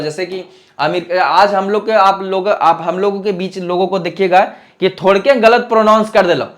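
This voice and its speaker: A man giving an exam-prep lecture. He talks in a conversational way, keeps checking in with the class, and slips into local dialect for his examples. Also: sits high. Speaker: teacher.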